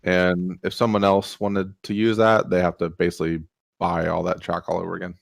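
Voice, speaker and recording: Low gravelly man, dry close mic, chatty rules explainer who rambles with fillers. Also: little pitch movement, fairly quick, no room sound. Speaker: board game player explaining rules. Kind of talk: casual chat over a board game.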